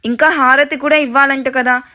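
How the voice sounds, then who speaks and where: A woman's voice: high-pitched, fairly even intonation, moderate pace, pushed and bright. A woman voicing a cheerful, naive young married daughter chatting with her mother in an audio story. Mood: gushing. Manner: chatty, gushing.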